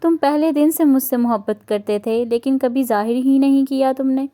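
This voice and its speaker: A woman's voice: high voice, dark tone, natural voice. Woman reading as a sweet, pouty young bride.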